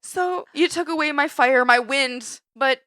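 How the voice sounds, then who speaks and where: A woman co-hosting a casual podcast, animated and exasperated, swearing freely. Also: high-pitched, measured pace, dry recording. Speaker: podcast co-host. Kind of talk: casual chat.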